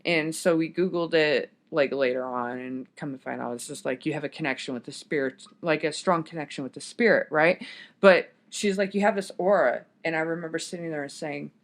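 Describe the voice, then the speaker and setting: A woman's voice: sits low, fairly quick. A woman guest on a podcast, telling a personal story in a casual, rambling way that drifts off on tangents. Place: podcast studio.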